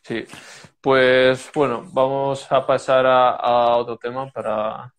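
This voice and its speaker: A man's voice: medium pitch, slow pace. Guy hosting a chill podcast chat, short replies, asks follow-ups. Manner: relaxed, short backchannels, asks follow-up questions. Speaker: podcast host. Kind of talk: casual interview.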